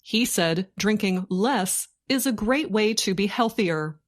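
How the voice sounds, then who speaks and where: A woman narrates a scripted news report for learners slowly and deliberately, in short phrases with pauses, like a dictation. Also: mid-range voice, animated. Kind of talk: slow scripted learning-English news reading.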